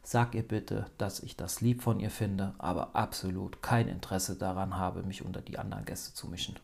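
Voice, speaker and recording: A man reading the part of a heartbroken young man who snaps and sulks, in a low gravelly voice. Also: level tone, normal speed, a little mellow. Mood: sulky. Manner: sulky, snapping. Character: young man, angry and withdrawn after heartbreak.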